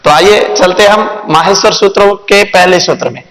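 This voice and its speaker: A man teaching Sanskrit grammar in a video lesson, spelling out sounds one by one in a slow, deliberate way. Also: high voice, fairly bright tone. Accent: Hindi. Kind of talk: classroom-style video lesson. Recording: echoey room with long reverb.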